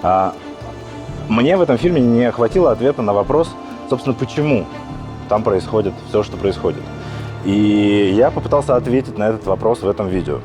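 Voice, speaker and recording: A man, the journalist host, narrating a documentary in a measured, reflective way and asking questions. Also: fairly low pitch, lively intonation. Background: music.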